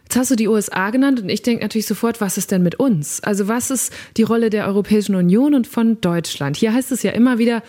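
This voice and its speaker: A woman hosting an interview, asking clear follow-up questions and listening attentively. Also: mid-range voice, fast talker, hardly any pauses, warm tone. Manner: attentive, with short backchannel sounds. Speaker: podcast host.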